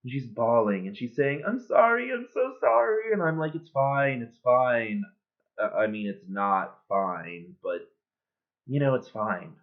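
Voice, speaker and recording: A man cold-reading a bitter, sardonic middle-aged male horse who was once a star, joking in a deadpan way, recorded on a built-in webcam mic. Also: on the low side, measured pace, natural voice. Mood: wry storytelling. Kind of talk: cold-read monologue. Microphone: built-in computer webcam mic. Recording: tinny, phone-like webcam audio.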